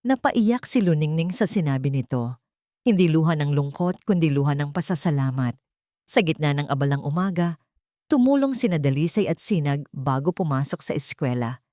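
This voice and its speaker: A woman narrates a scripted dramatic story in a low, dark-toned voice, animated and at normal speed. It's a clean studio recording with no room sound.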